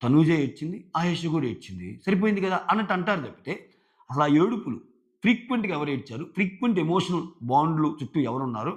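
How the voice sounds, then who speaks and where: A man's voice: a little high, very animated, quick pace. A man reviewing a reality show in casual commentary, retelling scenes and quoting the contestants.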